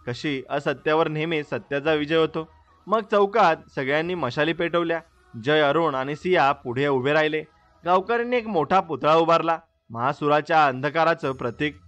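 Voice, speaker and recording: A man's voice: on the high side, normal speed, a bit bright, muffled recording. Man narrating a dramatic devotional story.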